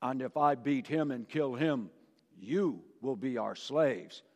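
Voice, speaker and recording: A man voicing a boastful giant warrior who taunts an army in slow, drawn-out words, in a church hall with a long reverb. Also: medium pitch, expressive, a little mellow, voice pushed down. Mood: taunting.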